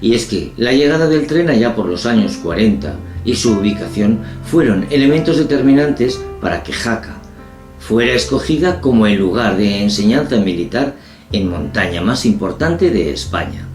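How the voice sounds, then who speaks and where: Low-voiced guy hosting an interview, formal and unhurried, echoey room with faint guitar music behind. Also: expressive, darkish tone. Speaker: interviewer and host. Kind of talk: scripted introduction then interview.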